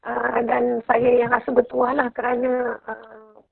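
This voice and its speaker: A woman in her fifties joins a live-stream interview over a video call. Her voice sits high and carries a gravelly, husky texture. She speaks softly and haltingly, and the lo-fi call audio is dry and dull. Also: little pitch movement, no room sound. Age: 50s. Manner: soft-spoken, hesitant with many pauses. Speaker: guest, university professor.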